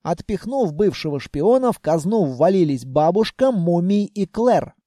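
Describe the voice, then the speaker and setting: A man narrating a fantasy audiobook in the first person, wry and animated. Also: high voice, a little slow, no room sound, clean studio sound.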